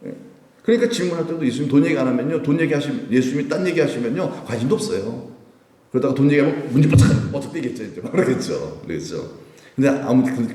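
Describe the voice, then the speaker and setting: A man's voice: medium pitch, mellow. A male pastor preaching at a Friday prayer meeting, talking to the congregation in a conversational way, with rhetorical questions and light chuckles. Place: church sanctuary. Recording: roomy hall, voice from a distant mic.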